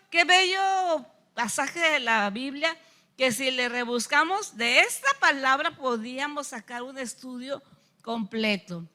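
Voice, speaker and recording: Mexican woman preaching a sermon, high bright voice, lots of questions to the crowd. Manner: asks the congregation rhetorical questions; acts out the lepers' cries loudly. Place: church.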